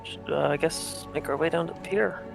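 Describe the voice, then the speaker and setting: A man's voice: fairly high pitch, fairly even intonation, fairly quick, creaky, over music, poor audio. A man playing a tabletop game who speaks politely and formally in character. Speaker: player.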